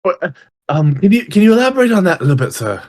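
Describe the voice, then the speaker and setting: A man's voice: high voice, very animated, quick pace, darkish tone, pitched above the performer's own voice. A man voicing a deferential male night-shift servant at a manor, hesitant and calling his master sir. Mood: puzzled.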